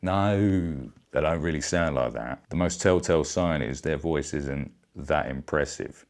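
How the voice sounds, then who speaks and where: A man's voice: rumbling low, measured pace. A middle-aged man delivering a brash, bawdy satirical comedy rant. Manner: brash, bawdy, blokey banter. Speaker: vlogger.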